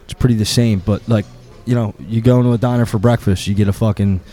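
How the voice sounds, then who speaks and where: A man's voice: lowish voice, fairly even intonation, quick pace, warm tone, faint music behind. A man in casual podcast chat, swearing lightly and repeating himself as he makes his point.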